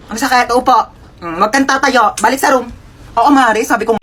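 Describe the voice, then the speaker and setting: A woman's voice: on the high side, a little fast, fairly bright tone, slightly rough. A woman acting out sassy comedy skits, switching between characters with exaggerated delivery. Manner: sassy, exaggerated, playing many roles. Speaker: comedy skit creator. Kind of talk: comedic skit role-play. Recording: noisy home video.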